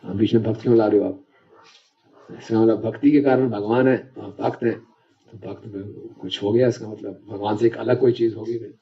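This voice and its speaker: A man's voice: lowish voice, level tone, brisk, gravelly. A man giving a devotional lecture, chatty and often checking that the audience follows. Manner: conversational, checks understanding with the audience. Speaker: preacher. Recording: dull lo-fi lecture recording.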